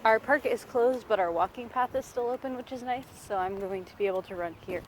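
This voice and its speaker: A woman's voice: medium pitch, fast talker, noisy background. A woman vlogger and teacher chatting casually in a talkative, self-deprecating way. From Florida. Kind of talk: casual vlog chat. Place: outdoors on a walking path.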